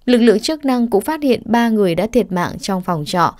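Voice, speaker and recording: A woman reading a news report voice-over in a steady, formal way. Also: on the high side, moderate pace, no room sound, studio quality.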